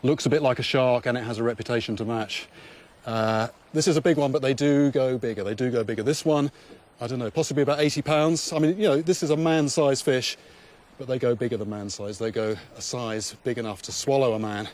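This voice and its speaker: A man's voice: medium pitch, steady tone, fairly quick, a little mellow. A man presenting a wildlife show outdoors at a river, explaining and musing aloud, repeating phrases for emphasis. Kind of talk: unscripted on-location presenting to camera. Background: music.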